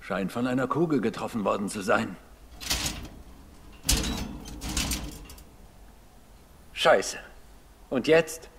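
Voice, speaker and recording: An actor playing a tense, level-headed man keeping fugitives calm in a horror video game. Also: lowish voice, normal speed, creaky, very noisy. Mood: grim, worried.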